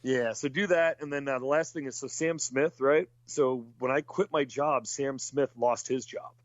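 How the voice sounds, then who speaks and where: A man's voice: medium pitch, steady tone, moderate pace, no echo. A man who races cars, chatting casually and rambling with lots of fillers and restarts. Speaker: racing driver. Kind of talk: casual chat. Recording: dull lo-fi sound.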